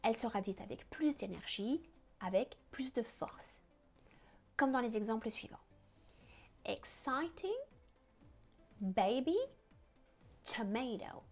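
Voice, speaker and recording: Woman teaching pronunciation, higher voice. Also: normal speed, darkish tone, faint music behind. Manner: clear, carefully articulated explanations with spoken word examples. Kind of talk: scripted online lesson.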